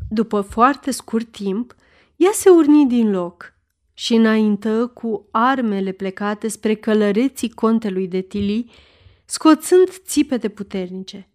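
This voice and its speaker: A woman reading a historical novel aloud in a measured, steady narrating voice. Her pitch sits at an ordinary middle level, and she lets the sentences unfold at an unhurried pace.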